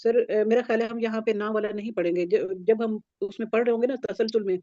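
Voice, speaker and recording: A woman's voice: a little high, fairly even intonation, dark tone, dry recording. Older lady asking questions on zoom, dry muffled call sound. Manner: persistent questioning. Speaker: class student. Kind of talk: questioning in online class. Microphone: video call.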